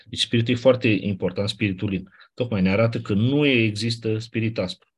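A man teaching a class, explaining step by step in a conversational way with quick asides. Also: fairly low pitch, steady tone, slightly rough. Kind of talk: classroom lecture.

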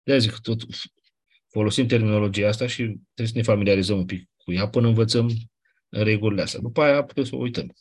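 A man's voice: on the low side, breathy edge. A man teaching a class, explaining grammar rules patiently and repeating the key points. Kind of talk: classroom lecture on Ancient Greek accents.

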